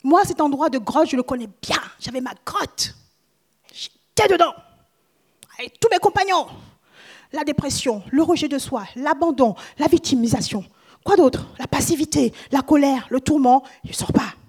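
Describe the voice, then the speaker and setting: A woman with a high voice preaches a sermon and reads scripture aloud. Her delivery is dramatic, dropping to hushed whispers and then rising to loud exclamations. She breaks off into chatty asides to her listeners. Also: animated, moderate pace. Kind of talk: sermon with Bible reading.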